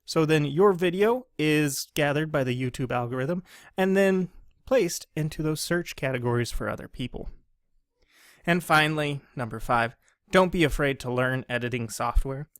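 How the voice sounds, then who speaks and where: A man hosting a training tutorial, speaking slowly and with careful, deliberate enunciation in a polished presenter voice. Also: on the high side, a bit bright, no echo, clean studio sound. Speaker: instructional video host.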